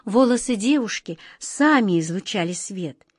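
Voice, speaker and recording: A woman narrating a fairy tale in a gentle, expressive audiobook reading. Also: medium pitch, measured pace, breathy edge, dry recording, studio quality.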